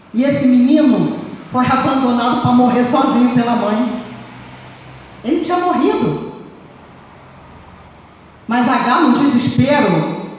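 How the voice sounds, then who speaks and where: Woman preaching in an echoey hall. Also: high-pitched. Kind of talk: sermon. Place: church sanctuary. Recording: echoey hall, voice far from mic, faint noise.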